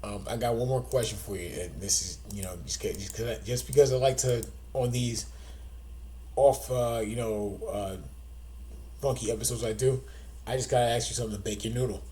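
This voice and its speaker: A man hosting a casual podcast, chatty and quick to react. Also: mid-range voice, fairly even intonation, dark tone, a little hiss or hum. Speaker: podcast host.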